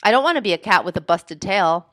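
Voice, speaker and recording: Mulher fazendo menininho emburrado e teimoso. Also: female voice, sits low, expressive, a little fast, a bit bright, no room sound. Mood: sulky. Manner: sulky, complaining. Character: glum, stubborn little boy in a cat costume. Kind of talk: storybook read-aloud.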